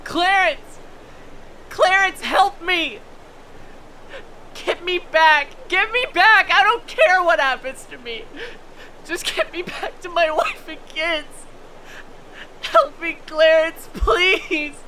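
A woman's voice: high-pitched, a little slow, pushed and bright, a little hiss or hum. An actress playing a frantic mother who cries out, begs and then bursts with joy. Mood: desperate pleading. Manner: pleading, tearful cries. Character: desperate then overjoyed woman, a mother of young kids. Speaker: lead character Jane.

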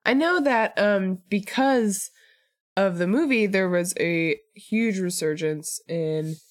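A woman co-hosting a podcast in casual chat, animated and joking, with quick asides. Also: medium pitch. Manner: chatty, animated, quick asides and self-deprecating jokes. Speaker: podcast co-host.

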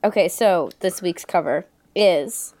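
A young woman co-hosting a podcast in a loose, unhurried way. She hesitates often and drops dry asides as she chats. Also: lowish voice, mellow. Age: young adult. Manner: laid-back, lots of ums and laughs, dry. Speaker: podcast co-host. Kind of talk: casual chat.

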